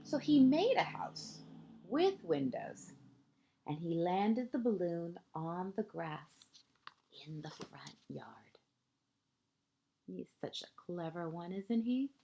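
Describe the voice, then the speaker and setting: A kindergarten teacher reads a picture book aloud to small children in a lowish, mellow, soft-edged voice with some vocal fry. She's gentle and expressive, unhurried, using short phrases with deliberate pauses, asides to her young listeners, and endings that often fall to a hush. Slight hiss or hum is audible.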